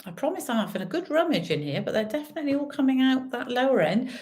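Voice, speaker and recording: A woman working as a bingo caller, reading out numbers digit by digit with drawn-out pauses and chatty, informal asides to the players. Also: high voice, big pitch swings, darkish tone.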